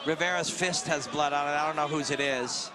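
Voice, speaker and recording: A man's voice: fairly high pitch, brisk. A man doing play-by-play commentary on a fight, explaining technique and strategy. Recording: commentary over crowd and music.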